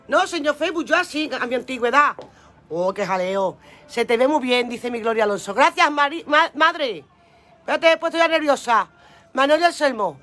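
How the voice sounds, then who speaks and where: A high, bright-voiced older woman chats through a phone live stream at home. She greets her viewers by name with affectionate pet names and sounds flustered by the app. Her voice is lively and clear. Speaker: online seller doing a live stream.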